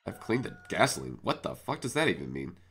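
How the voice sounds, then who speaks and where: Sounding stuffed up with a cold, a gaming channel host casually narrates his own game, chatty and thinking aloud as he plays. His low-pitched voice is sing-song, brisk and fairly bright, with slight background noise and a faint music bed underneath.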